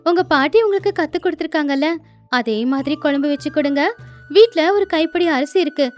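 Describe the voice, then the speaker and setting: A woman voicing a caring, steady young village wife in a storybook cartoon, soothing and consoling, with faint music underneath. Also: high-pitched, brisk, close to an everyday voice. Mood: coaxing.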